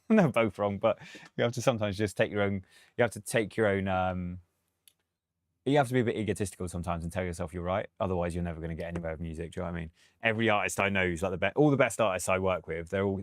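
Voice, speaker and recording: A man's voice: lowish voice, no room sound, studio quality. A man and music producer, talking through a track on a live stream, chatty and thinking aloud with frequent laughs.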